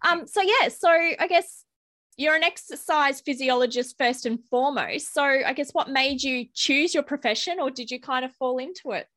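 Encouraging woman host with a higher voice. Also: a bit bright. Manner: encouraging, quick reactions, fillers. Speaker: podcast host. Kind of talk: casual interview chat.

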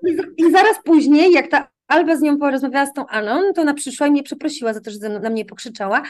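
A woman's voice: high voice, fast. A woman who teaches English to children, telling classroom anecdotes in a casual interview, acting out the exchanges and often ending with a tag question. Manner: animated anecdotes, acts out quoted exchanges, frequent tag questions.

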